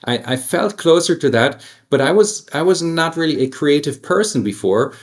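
A man's voice: a little high, expressive, normal speed. Reflective German-accented man. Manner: reflective, many restarts and fillers. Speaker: guest, attorney. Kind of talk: casual interview.

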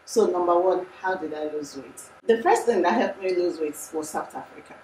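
A woman's voice: lowish voice, moderate pace, reverberant, recorded from a distance, slight background noise, poor audio. A young Nigerian woman talking casually and emphatically to camera in a room, as a lifestyle vlogger. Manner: chatty, animated, emphatic. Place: room indoors.

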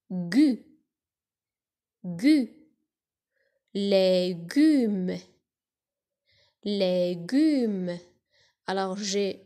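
Very slow, deliberate woman teaching phonics. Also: a little high. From Morocco. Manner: slow, deliberate, spells out letters and syllables one by one. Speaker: primary school teacher. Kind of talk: slow phonics lesson for young children.

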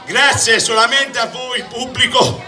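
A man giving a halting, emotional, declamatory speech to an audience from an outdoor stage. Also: very high-pitched, pushed and bright. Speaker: amateur stage performer. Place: outdoor festival stage at night. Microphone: handheld PA microphone, recorded from the audience. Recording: distant phone, PA, music and crowd.

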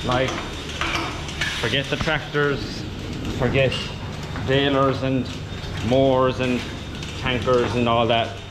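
An Irish dairy farmer in his twenties chats casually for a vlog while working in a large metal-roofed milking parlour. His mid-range voice stays level and slow, with long pauses. The recording is echoey, with loud machinery noise.

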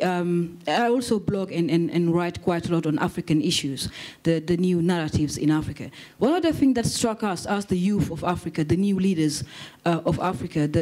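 A woman's voice: lowish voice, warm tone. Woman from Senegal asking a question. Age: young adult. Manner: earnest, repeating words. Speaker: audience questioner. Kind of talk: question from the floor.

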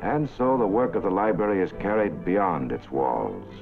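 A man with a lowish, lively voice gives formal, measured old newsreel narration. His voice comes through a thin, tinny 1940s film soundtrack, with an orchestral score playing clearly behind him. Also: faint music behind. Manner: formal, measured announcer delivery.

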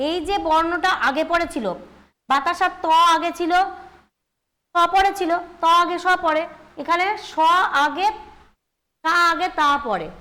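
A woman's voice: high voice, sharp tone. A woman teaching a grammar lesson, explaining step by step and checking in with students. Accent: Bengali. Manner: explains step by step, often asks "ঠিক আছে?".

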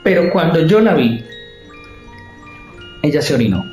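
Animated man telling a story. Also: fairly high pitch, a little slow, reverberant, soft background music. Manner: animated, acts out the voices of others. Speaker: theater director. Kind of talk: storytelling interview.

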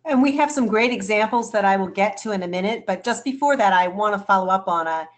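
A woman moderating a webinar, who thanks the speaker and puts polite, measured questions to him. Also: mid-range voice.

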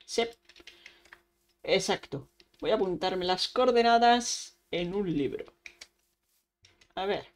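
A woman's voice: medium pitch, lively intonation, slow pace, pauses often. A woman, streaming Minecraft casually, chatting to herself and making little sound effects as she plays. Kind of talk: casual Minecraft let's play.

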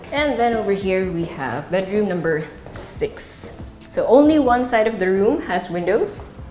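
A low-voiced Filipino woman with a darkish tone acts as host for a casual property tour, presenting while she walks through empty rooms and a stairwell indoors. She's chatty and unscripted, tossing in Tagalog asides. She wears a wireless body mic with the pack at her waist, her voice echoes in the bare rooms, and music plays in the background.

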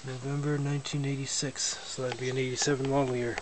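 A hobbyist films his own casual walkaround of his snowmobile in a garage or shed with windows, holding the camera himself so it catches him up close. His middling-pitched voice is relaxed, plainspoken and matter-of-fact, and he talks at a quick pace. Clear noise runs beneath him in the noisy handheld audio.

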